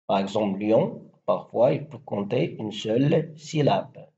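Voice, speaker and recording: A man with a low, gravelly voice teaches a lesson on verse, reciting example lines and counting syllables one by one. His delivery is slow and measured. The sound is dull and lo-fi. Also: animated, warm tone. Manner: slow, deliberate, spelling out syllables and rhyme schemes. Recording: dull lo-fi recording.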